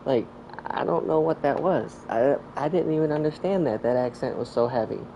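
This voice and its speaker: Chatty low-voiced woman streamer. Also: normal speed, muffled recording, slight background noise. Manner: chatty, rambling, lots of "like", animated asides. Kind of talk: casual live-stream commentary.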